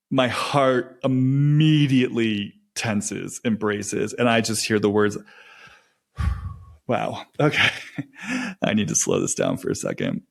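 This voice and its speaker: A man hosting a podcast, talking through a reflective solo monologue in a halting, slow way with many restarts. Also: mid-range voice, vocal fry. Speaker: podcast host.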